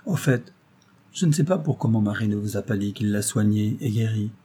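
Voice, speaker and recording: A man's voice: lowish voice, a little fast, slightly rough. A man reading aloud voices a playful, mischievous young woman who teases an older man. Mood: teasing. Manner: lively, teasing.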